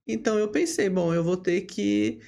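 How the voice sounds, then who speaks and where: Speaking as a podcast guest, a Brazilian lawyer and bar association leader in her 50s recounts her own story in a relaxed interview. Her lowish voice has a gravelly, fried quality, and her delivery is steady. Tag questions and hesitation fillers crop up often as she pauses to fill gaps.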